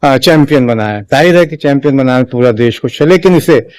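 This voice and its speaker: Halting Hindi-speaking male commentator, dry sound. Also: medium pitch, animated, smooth, no room sound. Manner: measured, halting, many restarts and fillers. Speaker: political commentator. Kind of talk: spoken opinion commentary.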